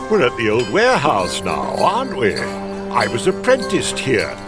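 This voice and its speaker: Wistful old Scrooge, music behind. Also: male voice, mid-range voice, wildly swooping pitch, measured pace. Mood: nostalgic. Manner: wistful, emotional, exclaiming. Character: Ebenezer Scrooge, old miser moved by his past. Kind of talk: theatrical radio play acting.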